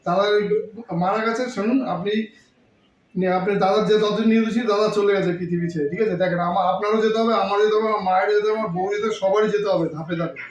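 A man's voice: high voice, steady tone, fast talker, close to an everyday voice. A young actor playing a younger brother taking charge of his grieving family, urgent and soothing, recorded far off in an echoey room with faint noise. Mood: firm.

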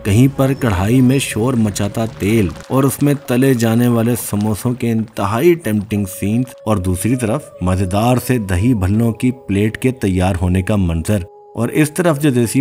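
A man in his thirties giving scripted, measured documentary narration as a vlog host. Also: lowish voice, warm tone.

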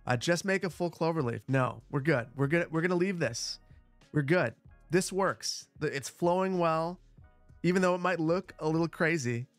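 Boomy-voiced man chatting on a livestream. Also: normal speed, no room sound, soft background music. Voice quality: boomy, bass-heavy sound on the mic. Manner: chatty, repeats short phrases. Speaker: livestream host, gamer. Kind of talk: casual livestream chat while gaming. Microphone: close broadcast dynamic microphone.

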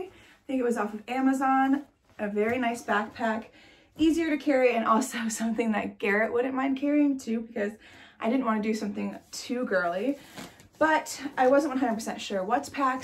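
Her voice is on the high side and gravelly. She's a young woman in her twenties vlogging from a nursery room, congested and chatty, tossing in lots of "like"s and little laughs as she talks casually to camera.

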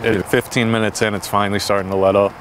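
A man's voice: lowish voice, little pitch movement, fast talker. A young man chatting casually and swearing as he complains about his mouth burning from spicy food, recorded outdoors. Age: young adult. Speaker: challenge vlogger. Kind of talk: casual banter with profanity. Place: outdoors on a backyard wooden deck. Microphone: camera a few steps away. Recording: noisy outdoor recording, some traffic ambience.

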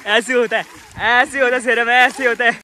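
A man's voice: very high-pitched, brisk. A man from Uttarakhand, chatting and teasing in a casual outdoor village vlog. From Uttarakhand, India. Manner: playful, teasing, loud bursts of excitement. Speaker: vlogger. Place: outdoor village rice fields. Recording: outdoor field with crowd noise.

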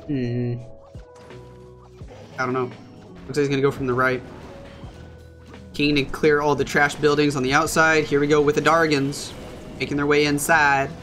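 A man casting a competitive mobile strategy match as solo play-by-play commentary, reacting quickly and excitably. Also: fairly high pitch, soft background music. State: hiccups. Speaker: esports caster.

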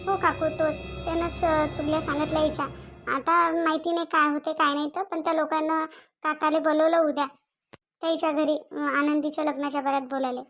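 A woman's voice: high voice, little pitch movement, a little fast, a bit bright, faint music behind. A woman voicing a worried, supportive young friend in a cartoon, hesitant and consoling. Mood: concerned.

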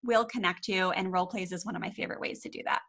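Bright, enthusiastic woman. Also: medium pitch, steady tone, fast talker. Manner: enthusiastic, talks in long flowing stories. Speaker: family life coach. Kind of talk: interview conversation.

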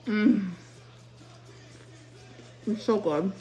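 A woman's voice: mid-range voice, extremely slow, dark tone, soft background music. A woman chatting casually on a live stream while cooking at home, upbeat and full of "like" and "um". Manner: chatty, upbeat, lots of fillers like "like" and "um". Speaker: food content creator.

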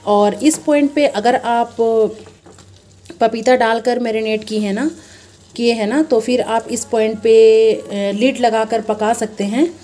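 A woman's voice: a little high, steady tone, takes it slowly, warm tone. A woman hosting a casual home cooking demonstration, chatting with viewers as friends and explaining each step. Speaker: cooking channel host. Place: home kitchen at the stove. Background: frying and sizzling from the pan.

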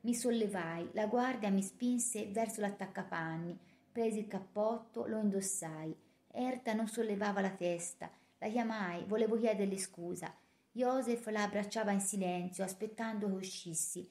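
A woman narrating a novel in the first person with a measured, expressive reading. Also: mid-range voice. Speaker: audiobook narrator. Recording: roomy echo.

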